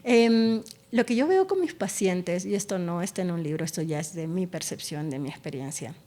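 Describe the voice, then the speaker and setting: A woman's fairly low, warm voice with lively intonation and a moderate pace belongs to a neurologist guest in a conversational interview. She expressively explains things and shares stories of her patients.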